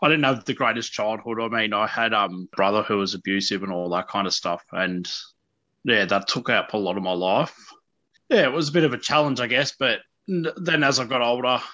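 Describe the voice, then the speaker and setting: A man's voice: on the low side, a little fast, sharp tone, no echo. An Australian man in his early thirties speaking candidly as an interview guest, in an informal, hesitant and self-deprecating way. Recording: dull, lo-fi radio audio.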